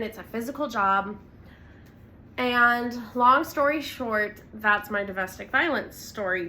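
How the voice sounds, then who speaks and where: A woman's voice: on the high side, sharp tone, slight background noise. A young woman vlogger telling her own story in earnest, blunt, candid talk, with fillers and swearing. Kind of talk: candid direct-to-camera talk.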